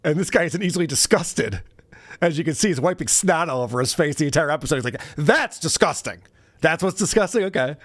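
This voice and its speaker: A man's voice: a little high, lively intonation, fast, no echo. A man hosting a podcast, casually reading donation messages and mocking the clips he plays. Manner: sarcastic, mocking. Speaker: podcast host.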